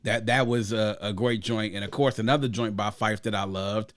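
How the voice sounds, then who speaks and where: A man from Grenada hosts a casual podcast reviewing an album, speaking at a normal pace in a lowish, steady voice with no echo. He talks enthusiastically and at length, frequently tossing in "you know what I'm saying".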